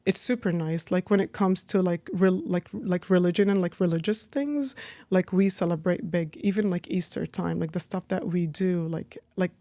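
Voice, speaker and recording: A chatty Palestinian-born woman, a business owner appearing as a guest, talks casually in an interview, leaning heavily on "like" and "you know." Her voice is fairly low and a little mellow, and the recording is dry.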